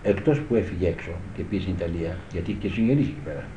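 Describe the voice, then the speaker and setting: A man's voice: deep voice, animated, warm tone, a little hiss or hum. An older man, a guitar teacher, reminiscing in a rambling, conversational way and often asking if his listeners understand. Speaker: guitar teacher recalling the past. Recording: echoey room, dull old tape.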